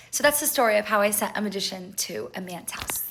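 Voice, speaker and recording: A young woman casually telling a story to her viewers, chatty and animated, with lots of "like". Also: mid-range voice, slight background noise. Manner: chatty, animated, fast-paced retelling with lots of "like". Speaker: vlogger.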